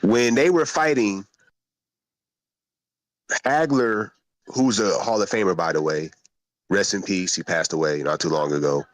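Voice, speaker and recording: Low-voiced pushy podcast host. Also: male voice, a little slow, long pauses, dry recording, rough recording. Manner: pushy, keeps cutting in. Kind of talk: casual argumentative chat.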